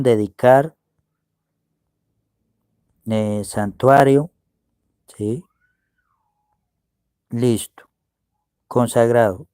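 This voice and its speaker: Male preacher-teacher, unhurried and explanatory, dry close recording. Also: mid-range voice, dark tone, clean tone, dry recording. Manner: slow, explaining, asks "¿ve?" often. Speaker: preacher teaching Hebrew words. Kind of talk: screen-share Bible word study.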